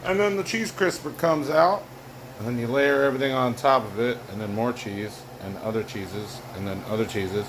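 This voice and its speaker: Speaking at a moderate pace with a medium pitch, a man records a cooking video in his home kitchen. His talk is a loose, tipsy, giggly casual ramble, with air conditioning humming clearly in the background.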